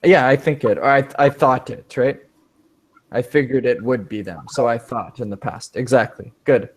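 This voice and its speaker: A man's voice: medium pitch, moderate pace, slightly rough. A man teaching an advanced English speaking class, patiently explaining word meanings with examples. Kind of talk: online language class.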